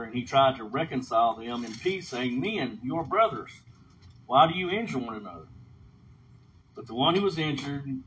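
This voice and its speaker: Faint background noise sits under a dull lo-fi recording of a man teaching an informal Bible lesson. His voice is mid-range and a bit bright, and he reads aloud, explains, and often checks in with "okay?".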